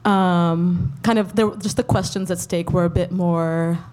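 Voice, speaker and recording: A woman's voice: lowish voice, fairly even intonation, measured pace, darkish tone. A young woman in casual conversation, speaking hesitantly with many "like"s and "um"s. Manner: hesitant, lots of "like" and "um". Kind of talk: casual chat.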